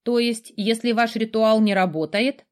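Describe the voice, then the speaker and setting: A woman voicing a lively, spirited young princess in an audiobook. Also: on the high side, moderate pace, close to an everyday voice. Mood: playful. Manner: lively, playful, exasperated. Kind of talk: audiobook character voice.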